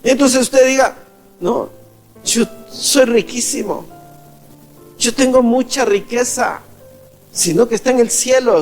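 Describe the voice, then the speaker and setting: A man preaches a sermon in a very high voice, drawing out his words slowly. He addresses the congregation as beloved and voices the figures in his stories. Soft music plays faintly beneath him. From Ecuador. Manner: preaching, calls the congregation "amados", acts out quoted voices. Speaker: pastor.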